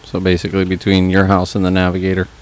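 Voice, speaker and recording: A man's voice: deep voice, monotone, quick pace, rough recording. A man giving a matter-of-fact fishing report on the radio. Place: radio studio.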